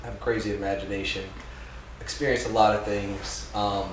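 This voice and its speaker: A man's voice: on the low side, little pitch movement, moderate pace. A man from New Jersey, a stand-up comedian, talking casually in an interview, chatty with lots of fillers and restarts. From New Jersey, USA. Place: theater. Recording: echoey, distant, noisy theater recording.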